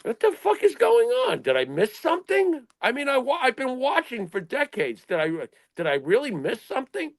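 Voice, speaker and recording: In a casual, opinionated panel chat, a middle-aged co-host of a wrestling talk show speaks at normal speed in an extremely high voice with wild pitch swoops and vocal fry. He barely pauses, sounds blunt and exasperated, curses and launches rhetorical questions, and the audio has no echo.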